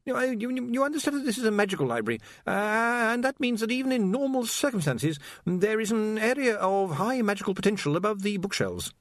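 A man's voice: high-pitched, very animated, brisk, few pauses, dry recording, clean studio sound, pitched above the performer's own voice. A man voicing a nervous young male wizard scholar who stammers and hesitates, in an audiobook. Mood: flustered. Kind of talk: audiobook character voice.

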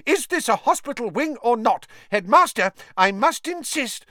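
Madame Pomfrey, a man voicing a shrill nurse. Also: wildly swooping pitch, slow pace, a bit bright, no echo, clean studio sound, heavily acted. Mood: hysterical. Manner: shrill, insistent. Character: fussy stern woman school nurse.

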